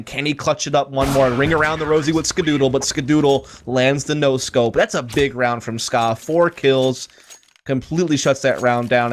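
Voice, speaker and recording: A man calling the action as an esports caster in running play-by-play, with gunfire and game noise behind. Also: mid-range voice.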